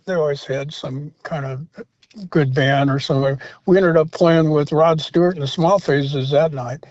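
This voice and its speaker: Older male guest, slightly high voice, rambling anecdotes, dull lo-fi dry sound. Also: darkish tone, dry recording. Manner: rambling anecdotes with many fillers and restarts. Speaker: interview guest, former rock singer. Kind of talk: storytelling in a casual interview.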